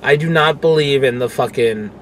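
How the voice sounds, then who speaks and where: Speaking at a normal speed in a mid-range voice, a young man who is a vlogger and pro wrestler chats casually to his dashboard phone camera while driving. He rambles, speaks candidly and swears freely, with road and engine noise filling the car.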